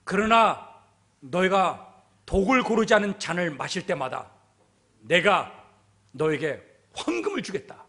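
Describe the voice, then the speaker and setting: A scheming devil , as a preacher puts him on, laying out a deadly wager in slow, measured words. The voice sits a little lower than the preacher's own but stays bright and lively in tone. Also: male voice, exaggerated voice. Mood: tempting. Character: a tempting devil offering poisoned cups.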